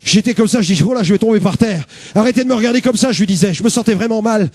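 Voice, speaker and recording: A middle-aged man preaching, telling his testimony in a lively storytelling way, acting out the dialogue and breaking into shouts. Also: high-pitched, racing, dry recording, clean studio sound. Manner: animated, acts out dialogue, bursts into shouts.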